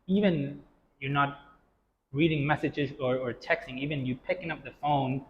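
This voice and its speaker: A man's voice: medium pitch, normal speed, slight background noise. Agreeable man, dull echoey recording. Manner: agreeable, frequent affirming backchannels. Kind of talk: casual podcast chat. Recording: lo-fi audio in reverberant room.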